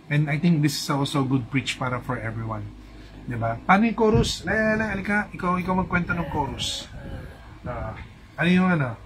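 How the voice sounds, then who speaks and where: A man's voice: a little high, lively intonation, moderate pace, a little hiss or hum, poor audio. A man with a Filipino accent, a feng shui coach giving a casual live talk to an audience, chatty and often asking "di ba?". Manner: chatty, mixes in English, asks "di ba?" often.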